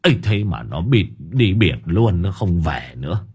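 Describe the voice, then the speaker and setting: Brief: man doing a husky, rustic old vendor, coarse and fretful, low rumbling voice. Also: very animated, unhurried, heavily acted. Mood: lamenting. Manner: whining, lamenting, cursing coarsely.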